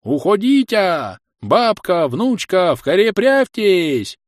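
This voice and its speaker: A man voices a stubborn old village grandfather who lisps and sounds frantic, pitching slightly above his own voice yet staying close to an everyday tone. His voice is a little high at a moderate pace, recorded in studio quality with no room sound.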